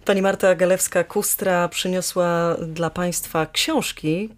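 A woman hosting a radio interview, speaking in a measured way with frequent hesitations. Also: lowish voice, steady tone. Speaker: radio host.

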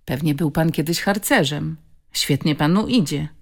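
A woman's voice: low-pitched, normal speed. Woman reading as a guarded, wary woman. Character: Baśka, a guarded woman caught bathing, wary.

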